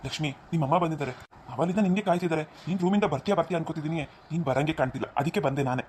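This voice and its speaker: A young cartoon husband, put on by a woman, who talks fast and low. He calls to his wife in a brisk, offhand way. The voice sits far under the performer's own. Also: a little mellow, slight background noise, natural voice.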